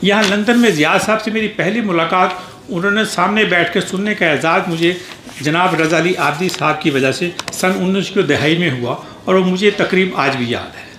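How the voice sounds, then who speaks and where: Male memorial speaker with a high-ish voice, formal and measured delivery of a prepared tribute, echoey hall. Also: bright, forceful tone. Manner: measured, formal reading with small restarts. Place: reception hall at an embassy. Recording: echoey hall with faint background noise.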